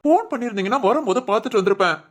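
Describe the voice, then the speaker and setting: A performer voicing an earnest, protective young adult son in an animated family drama, reassuring his mother in quick talk. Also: mid-range voice, natural voice. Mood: concerned.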